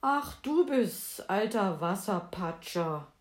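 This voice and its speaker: A woman's voice: mid-range voice, expressive, slow pace. A woman voicing a spoiled young princess in a fairy tale reading, eager and pleading, in a roomy echo.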